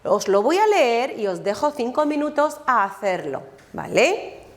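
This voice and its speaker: A woman teaching a language lesson, slowly and deliberately modeling each word aloud for her students. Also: on the high side, very animated, a little hiss or hum. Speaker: Spanish teacher. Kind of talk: recorded classroom lesson. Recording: echoey room.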